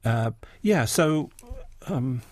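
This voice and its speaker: In a dry recording, an English man in his sixties speaks with a medium-pitched, darkish, expressive voice and drawn-out words. He's a poet and editor guesting on a relaxed radio interview, discussing books and poetry with plenty of ums and restarts in his English accent.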